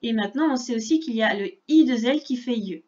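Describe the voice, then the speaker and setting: A woman teaching a reading lesson to young children, speaking slowly and clearly and spelling out sounds patiently. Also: fairly high pitch, expressive, darkish tone, lo-fi sound. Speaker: primary school teacher.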